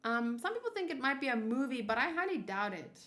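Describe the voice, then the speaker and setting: During a casual manga read-along livestream, a woman chats with viewers, rambling, thinking out loud and frequently repeating herself. Her high, fairly bright voice is very animated and fairly quick.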